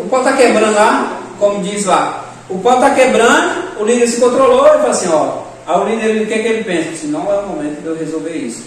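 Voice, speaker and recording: High-voiced man teaching in an echoey room. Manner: animated, acts out quoted dialogue. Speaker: church leadership teacher. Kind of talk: casual classroom lesson with discussion. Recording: echoey room, distant mic, faint noise.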